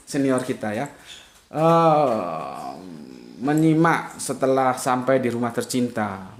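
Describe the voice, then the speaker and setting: A man hosts a relaxed religious livestream, reading out viewer comments. He talks casually, slipping in teasing jokes and little chuckles. The voice sits in the middle of his range and rings in a roomy, echoey space. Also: medium pitch. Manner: joking, chuckles often, teasing asides. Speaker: online religious talk host. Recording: echoey room.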